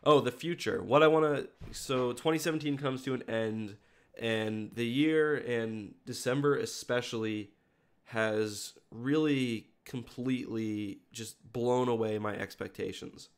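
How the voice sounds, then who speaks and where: Hosting a livestream as a video creator, a man chats casually with viewers while nursing a cold, his voice sniffly and congested. It's mid-range, smooth and a little slow, and his talk rambles in stop-start bursts as he keeps correcting himself.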